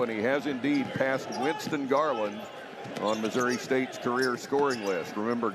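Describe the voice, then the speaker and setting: A male play-by-play commentator calls a live basketball game in clipped, short phrases. His pitch sits in the middle range for a man. Loud arena noise runs behind him throughout. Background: basketball arena ambience, bouncing ball.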